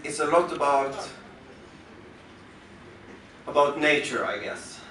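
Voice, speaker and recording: Unscripted and slow, a Norwegian-accented musician from western Norway introduces his work to a club audience, pausing and restarting as he thinks. His voice runs on the high side, pushed and bright. His stage mic, played through the house speakers, is captured from far off in the roomy venue with faint noise.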